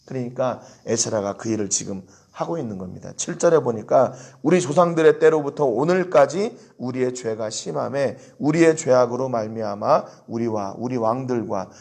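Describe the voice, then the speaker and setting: Male pastor, gravelly voice, dawn prayer sermon, questions the congregation and acts out prayers. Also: medium pitch, animated, normal speed, hardly any pauses, a little mellow. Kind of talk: early-morning prayer sermon.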